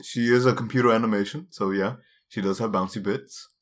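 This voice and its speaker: A young man co-hosting a casual comedic chat, teasing and deadpan. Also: fairly low pitch, brisk. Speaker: podcast co-host.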